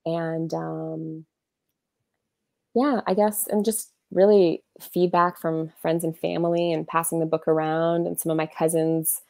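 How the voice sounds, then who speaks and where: Chatty woman with a gravelly, low voice. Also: flat delivery, unhurried, darkish tone, dry recording. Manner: chatty, many fillers and restarts. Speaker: author and illustrator guest. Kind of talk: casual interview talk.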